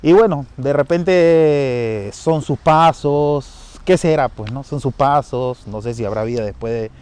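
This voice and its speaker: A man's voice: mid-range voice, a little slow, a little mellow, clear, resonant tone. A man with a Peruvian Spanish accent casually recounting a family ghost story, rambling with restarts and tag questions. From Peru. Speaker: storyteller sharing a personal experience. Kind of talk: casual spoken anecdote.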